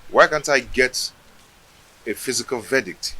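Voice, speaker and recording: A man's voice: mid-range voice, animated, a little slow, bright, forceful tone, heavily acted, rough recording. A man playing a frustrated man who demands answers from an oracle's mouthpiece. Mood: demanding.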